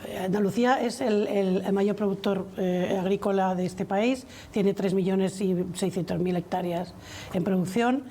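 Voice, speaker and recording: A woman's voice: medium pitch, moderate pace, mellow, a little hiss or hum. A woman journalist questioning a guest in a broadcast interview, building long questions in a hesitant way.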